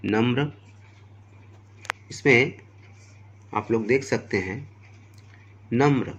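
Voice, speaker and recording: A man's voice: mid-range voice, muffled recording. A man teaching a Hindi grammar lesson to primary school children, patiently spelling out letters and examples. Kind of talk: slow, deliberate classroom lesson.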